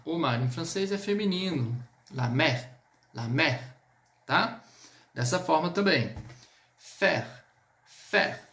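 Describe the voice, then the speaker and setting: Brazilian male French teacher, gravelly voice a bit high, patient live-lesson delivery. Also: a bit bright, reverberant. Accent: Brazilian Portuguese. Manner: patient, repeats words slowly, checks in with "tá?". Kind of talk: live online language lesson.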